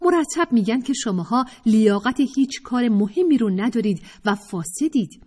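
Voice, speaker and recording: A woman's voice: a little high, animated, darkish tone, husky, pitched above the performer's own voice. A woman narrator voicing an earnest young woman who presses her point and lectures the group. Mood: lecturing. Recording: reverberant room.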